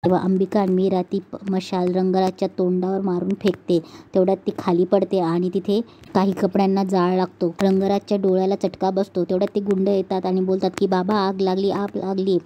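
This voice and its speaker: A woman's voice: mid-range voice, completely flat delivery, fairly quick, warm tone. A woman retelling a TV serial episode, steadily narrating events and reading the dialogue aloud.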